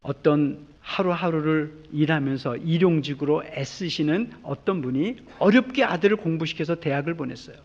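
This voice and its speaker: A pastor preaching a sermon, swinging between hushed and loud and acting out the voices of the people he quotes. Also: on the high side, normal speed, hardly any pauses, dull audio.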